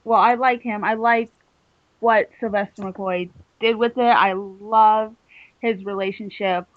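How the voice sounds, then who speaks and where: A woman co-hosts a fan podcast and speaks her mind in quick, animated asides. The recording is dull and lo-fi, and the sound is dry and close. Her pitch is ordinary for a woman. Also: no room sound. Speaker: podcast co-host. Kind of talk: casual fan podcast chat.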